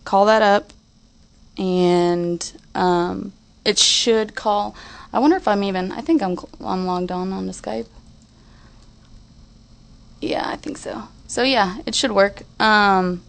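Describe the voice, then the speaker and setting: A woman's voice: mid-range voice, fairly even intonation, slow, gravelly, long pauses. A young woman hosting an internet radio show, chatting casually and a little scatterbrained. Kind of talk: casual chat.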